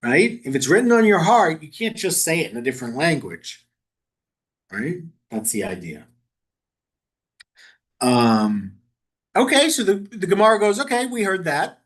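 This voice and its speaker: A man's voice: fairly high pitch, huge pitch swings, measured pace, pauses often. A man leading a synagogue Talmud study group in a chatty, informal teaching style, often amused by the text and stumbling over Aramaic words.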